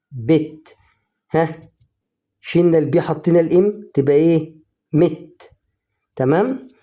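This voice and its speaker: In an online phonics lesson, a man with an Egyptian Arabic accent teaches English in a somewhat high, dark voice. He coaxes the viewer, prompts them often, and stretches out the example words slowly.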